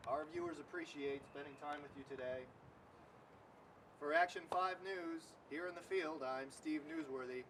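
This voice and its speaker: A man's voice: a little high, moderate pace, fairly bright tone, close to an everyday voice. A young man playing a male field news reporter with a formal newscaster delivery in an amateur news parody. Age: young adult. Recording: outdoors, distant mic with traffic noise.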